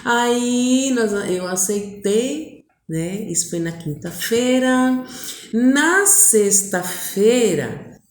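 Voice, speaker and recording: A woman's voice: fairly high pitch, animated, extremely slow. A middle-aged Brazilian woman telling a personal story in a chatty, meandering way, full of little fillers. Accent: Brazilian Portuguese. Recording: roomy echo.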